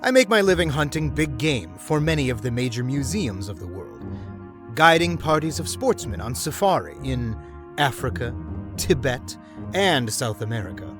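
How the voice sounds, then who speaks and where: A man's voice: medium pitch, close to an everyday voice. A man playing a cocksure big-game hunter. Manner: brisk, self-assured, scoffing. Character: confident adult male big-game hunter, dismissive of fear. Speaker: narrator and lead character. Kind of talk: old-time radio drama acting.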